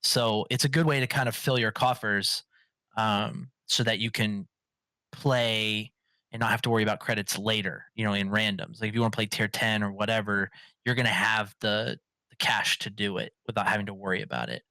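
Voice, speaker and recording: A man's voice: on the low side, normal speed, pushed and bright, no echo. A man hosting a casual gaming podcast, rambling with many fillers and restarts. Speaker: podcast host.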